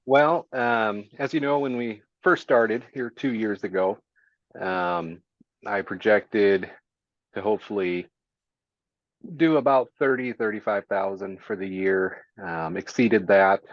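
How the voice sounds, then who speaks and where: A man speaking as a podcast guest, easygoing and plain-spoken. His voice sits fairly low. The audio is muffled and lo-fi, as on a video call, and dry with no room echo. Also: takes it slowly. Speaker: guest, small business owner. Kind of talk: casual interview chat.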